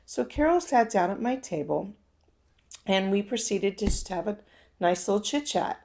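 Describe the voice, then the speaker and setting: A woman's voice: medium pitch, expressive, moderate pace, darkish tone. A woman telling a personal story in a casual, conversational way, speaking straight to her listeners. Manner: conversational, addresses listeners directly. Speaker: self-help speaker.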